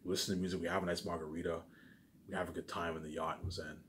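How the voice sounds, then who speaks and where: Racing along in a deep, level, slightly bright voice, a man delivers a loose, rambling monologue with a little background noise. He is boastful and self-aggrandizing, keeps repeating phrases, and caps emphatic bursts with catchphrases that fade into mutters.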